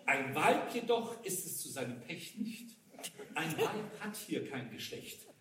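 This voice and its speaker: Lively man reading satire on stage. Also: on the high side, a little slow, a little hiss or hum. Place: cabaret stage. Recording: roomy live recording from a distance.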